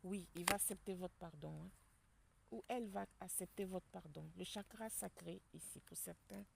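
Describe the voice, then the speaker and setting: A woman giving a spiritual tarot reading to her viewers, speaking softly and quietly in a public place. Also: fairly low pitch, normal speed, creaky, slight background noise. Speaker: tarot card reader. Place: public place outdoors with people nearby.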